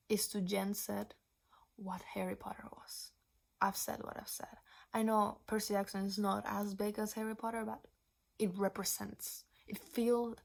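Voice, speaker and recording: A nineteen-year-old Venezuelan woman with a medium-pitched voice chats casually as a book vlogger. She rambles and restarts her sentences, sometimes slipping into breathy, whispered asides.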